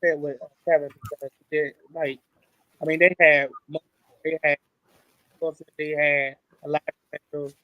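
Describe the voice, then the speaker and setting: A man's voice: fairly high pitch, little pitch movement, normal speed, no room sound. Man on a garbled, breaking-up call line. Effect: garbled, underwater-sounding remote call connection that keeps breaking up. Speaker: panelist calling in remotely. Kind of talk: casual sports debate. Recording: dull lo-fi remote connection.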